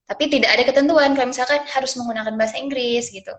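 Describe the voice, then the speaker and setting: A young woman from Aceh speaking as a scholarship awardee on a live stream, pausing often with fillers and restarts. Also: high-pitched, fairly even intonation, a bit bright. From Aceh, Indonesia. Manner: hesitant, many fillers and restarts. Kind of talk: live-stream sharing session.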